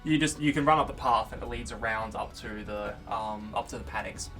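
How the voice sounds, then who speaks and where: A man's voice: fairly low pitch, brisk, fairly bright tone. A man narrating a tabletop game as game master, rambling loosely with frequent restarts. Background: background music.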